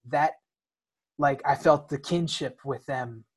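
Speaking slowly in a slightly high voice with a breathy edge, this American man is a guest in a conversation. He shares candid personal stories and sometimes repeats words as he searches for how to put things.

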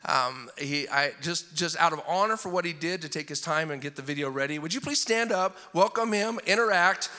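A male pastor preaching an animated, enthusiastic sermon, often repeating words as he gets excited. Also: a little high, a little fast, hardly any pauses, in a large hall.

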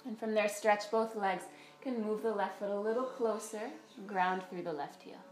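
A woman's voice: mid-range voice, steady tone, normal speed, a little mellow. A woman teaching a guided yoga class, giving step-by-step directions and breath counts. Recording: roomy echo, faint music behind.

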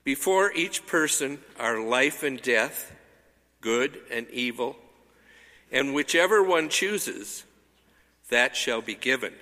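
A man reading scripture aloud as a lector in a slow, measured way, his voice ringing with cathedral echo. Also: mid-range voice, animated, sharp tone. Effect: cathedral echo, long church reverb. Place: large church. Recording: reverberant church hall.

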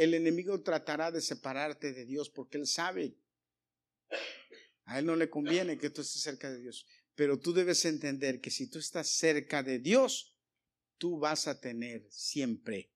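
Male pastor, fairly high voice, emphatic sermon, loud calls and hushed asides, questions to the congregation. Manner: addresses congregation directly with rhetorical questions.

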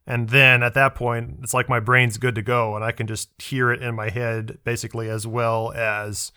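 A man's voice: mid-range voice, flat delivery, moderate pace, bright, forceful tone, clear, resonant tone. A man co-hosting a podcast in casual chat, rambling and searching for words as he thinks aloud. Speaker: podcast co-host.

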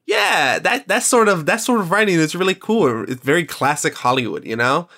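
A man's voice: fairly high pitch, very animated, moderate pace, vocal fry, bright, forceful tone. Rambling, enthusiastic male podcast host. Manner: rambling, filler-heavy, enthusiastic. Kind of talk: casual chat.

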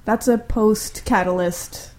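A woman's voice: medium pitch, steady tone, takes it slowly, crowd noise. A young woman co-hosting a podcast, chatting casually and enthusiastically, swearing freely. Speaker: podcast co-host.

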